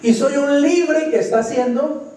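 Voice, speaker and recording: A man's voice: very high voice, unhurried, warm tone. A man preaching a sermon, emphatically asking the congregation questions and answering them himself. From Colombia. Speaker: pastor. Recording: echoey church hall from far off.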